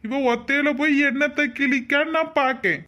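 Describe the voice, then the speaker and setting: A woman's voice: high-pitched, moderate pace, a bit bright, dull audio. A woman doing a cruel, threatening husband. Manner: threatening, harsh.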